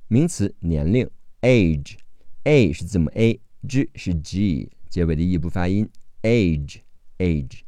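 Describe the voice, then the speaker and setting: A man leads an English phonics lesson, breaking each word into letters and sounds at an unhurried, careful pace. His voice is low and mellow, with lively rises and falls in pitch. It is recorded close and dry, with no room sound. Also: no echo. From China. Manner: slow, deliberate spelling out of sounds and letters. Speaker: English teacher.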